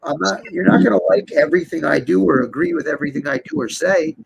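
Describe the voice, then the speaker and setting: A man hosting a casual livestream chat, blunt and heavily profane in a buddy-like way, with a gravelly, creaky voice. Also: on the high side, fast. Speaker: host of a livestream. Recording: dull lo-fi stream audio, clear background noise.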